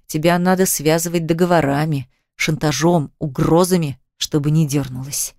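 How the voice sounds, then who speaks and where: A woman's voice: sits low, fairly even intonation, moderate pace, darkish tone, no echo, studio quality, close to an everyday voice. A woman voicing a domineering, menacing male boss in an audiobook, speaking in a mocking, coercive way.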